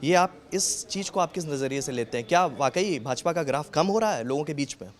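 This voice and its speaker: A man's voice: on the high side, lively intonation, brisk. Probing reporter, a man with a raised voice. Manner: probing, restarts mid-question. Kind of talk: interview questions.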